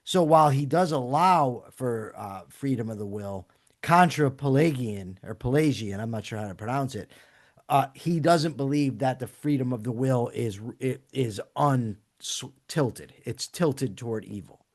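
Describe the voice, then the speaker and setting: Male co-host, mid pitch, measured and analytical delivery. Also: animated. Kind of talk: casual podcast discussion.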